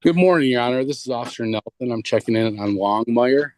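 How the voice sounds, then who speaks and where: A man's voice: mid-range voice, expressive, a little fast, darkish tone. A man speaking as a police officer, polite and procedural, checking in to a remote court.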